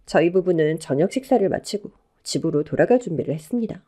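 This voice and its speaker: A young bride telling her own story, read by a woman for a radio drama. Her speech is polite and deferential. Her pitch moves in a lively way. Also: fast. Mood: calm narration. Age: young adult. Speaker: narrator and new daughter-in-law.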